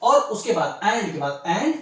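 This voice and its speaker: A man teaching English in an animated bilingual lesson, reading English lines slowly and repeating himself with frequent checks that the class is following. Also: sits high, heavy reverb. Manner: frequent tag "ठीक है ना".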